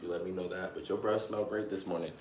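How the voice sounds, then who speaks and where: A young man in his twenties talks to his live chat in a low-pitched voice. He keeps it upbeat and full of slang, hyping himself up between workout sets at home. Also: steady tone, fast, darkish tone, a little hiss or hum. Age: 20s. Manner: upbeat, hyped, slangy and motivational. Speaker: livestreamer. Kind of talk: casual live-stream chat.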